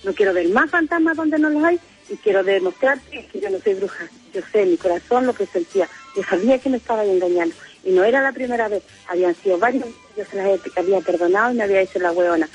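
A woman's voice: medium pitch, quick pace, muffled recording, faint music behind. A middle-aged Chilean woman calling in to a radio show, telling a story in an emotional, rambling way. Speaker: caller. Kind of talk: phone-in confession.

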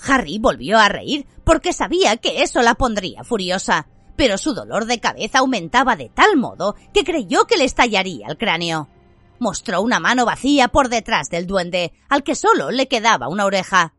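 A woman narrating an audiobook in an expressive, dramatic reading. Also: mid-range voice, normal speed, no echo, faint music behind.

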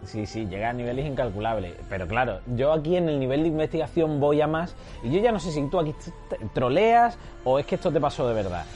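A man's voice: medium pitch, lively intonation, fast talker, darkish tone, faint music behind. A man hosting a podcast, asking teasing, playful questions in a casual interview. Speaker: podcast host.

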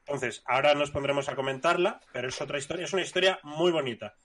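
A man's voice: a little high, quick pace, fairly bright tone. Rambling man hosting a podcast. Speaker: podcast co-host. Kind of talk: casual chat, introducing the episode.

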